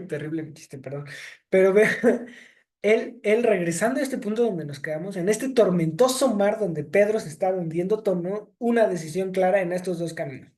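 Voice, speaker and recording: A man co-hosting a Bible discussion, retelling scripture scenes in a lively, storytelling way with acted-out quotes, over a video call. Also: high-pitched.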